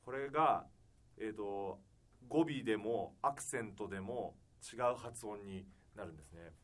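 A man teaching a choir how to pronounce sung German, demonstrating vowels by singing them out. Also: lowish voice. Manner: lively, demonstrates sounds by singing and drawn-out vowels. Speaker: choir or vocal coach. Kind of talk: singing lesson on German diction.

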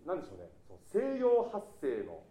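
A man's voice: fairly high pitch, wildly swooping pitch, a little fast, warm tone, roomy sound, rough recording. A man coaching a choir in rehearsal, polite and encouraging, singing short phrases to show what he means. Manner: sings phrases to demonstrate. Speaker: choir conductor.

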